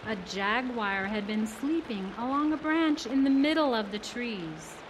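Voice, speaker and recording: A woman narrating a read-aloud storybook in a measured storytelling manner. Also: on the high side, animated, noisy background.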